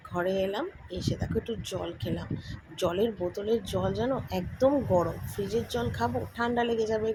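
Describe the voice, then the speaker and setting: A middle-aged woman chatting through her day at home in a casual vlog, complaining and asking viewers to agree with her. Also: mid-range voice. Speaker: vlogger. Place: home, kitchen and rooftop. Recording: noisy home phone recording.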